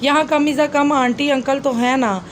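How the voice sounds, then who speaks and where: A woman's voice: high-pitched, fairly even intonation, moderate pace, a little hiss or hum, natural voice. Woman reading as a teasing, loving young husband.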